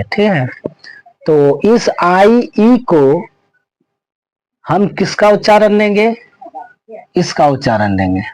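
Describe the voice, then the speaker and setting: Slow, repetitive male teacher. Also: high voice, a little mellow, dry recording, rough recording. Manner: slow, repeats rules and words over and over. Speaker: English teacher. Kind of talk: pronunciation lesson.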